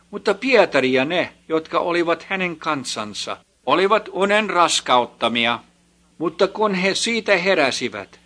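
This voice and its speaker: A man with a fairly high, bright voice reads scripture aloud. His narration is steady and measured and slows at the ends of verses. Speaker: scripture reader.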